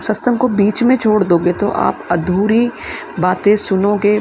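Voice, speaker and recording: A muffled, noisy recording of a woman with a noticeably creaky voice. She speaks gently and patiently, like a spiritual teacher guiding listeners through a devotional discourse in simple, repeated phrases. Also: mid-range voice. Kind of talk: devotional discourse with moral storytelling. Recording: muffled lo-fi with clear background noise.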